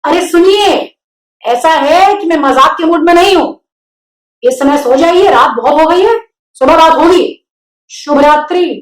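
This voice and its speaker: A small grey female spider from a storybook, put on by a woman narrator. She speaks politely and softly with a high, gentle firmness. The voice sits in a roomy, echoing space. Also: unhurried. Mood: firm. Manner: soft, polite and gently firm. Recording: roomy echo.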